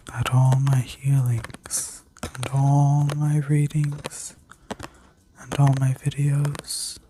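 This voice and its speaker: A woman whispering a soothing guided meditation in an ASMR style, like a sleep story narrator, gently giving instructions with a breathy voice. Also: a bass voice, background noise. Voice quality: breathy, mostly unvoiced whisper. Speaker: ASMR reiki healer and video host.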